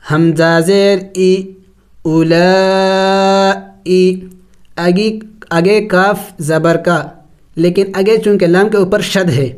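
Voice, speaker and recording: A man teaching Quran recitation rules, spelling out letters and vowels slowly and then explaining each rule at a brisk pace. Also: high-pitched, steady tone. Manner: drawn-out melodic recitation of verses. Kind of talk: step-by-step tajweed lesson.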